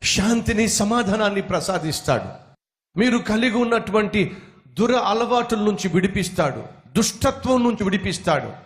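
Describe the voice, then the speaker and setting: A man's voice: high voice, lively intonation, moderate pace, voice pushed up. A man voicing a fervent man handing out gospel tracts on the street. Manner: fervent, repetitive proclaiming.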